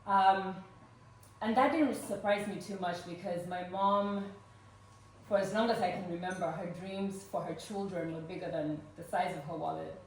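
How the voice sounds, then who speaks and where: At a fundraising event, a woman in her forties from Uganda shares a personal story with the gathered crowd, warm and earnest and often pausing on "um". She speaks in a fairly low, steady tone, picked up from afar in an echoing room with faint background noise.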